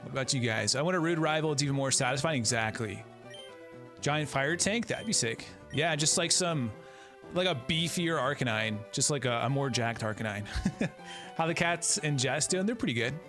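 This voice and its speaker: Music runs in the background as a streamer in his thirties games and greets his viewers. He talks casually and warmly at a normal pace, his medium-pitched voice animated.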